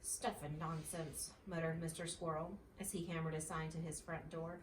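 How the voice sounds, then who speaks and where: A woman reads a children's storybook aloud expressively, the way a mother would, in a deep voice that is flat yet fairly quick. The recording is roomy, from a distant mic, with faint noise.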